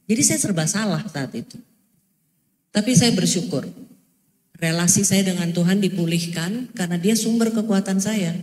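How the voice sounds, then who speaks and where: A middle-aged woman shares a confessional testimony from the pulpit, telling her story with earnest animation. Her voice sits at an ordinary pitch for a woman. It rings through a large hall with long, echoing reverb. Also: moderate pace, darkish tone. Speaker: preacher giving a testimony. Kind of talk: personal testimony sermon.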